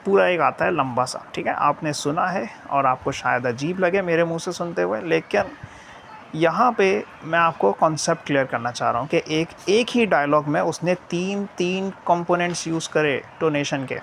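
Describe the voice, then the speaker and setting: A male English teacher talks through a lesson, mixing Urdu and English. His voice sits a little high and has a rough, gravelly edge. He keeps checking in with "theek hai" after nearly every phrase, over a faint background hum. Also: normal speed, a bit bright. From Pakistan.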